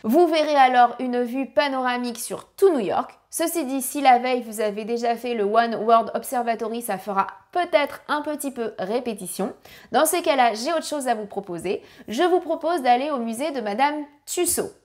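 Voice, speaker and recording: A woman's voice: a little high, normal speed. A woman narrating a family travel guide with practical tips, now and then apologizing for her English pronunciation.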